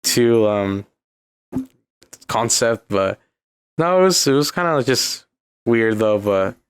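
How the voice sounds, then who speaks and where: A man's voice: medium pitch, lively intonation, slow pace, clean tone. A young man with a Californian accent, co-hosting a casual podcast and retelling a video in a rambling way full of "like". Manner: rambling, filler-heavy retelling with lots of "like". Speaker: podcast co-host. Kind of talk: casual chat.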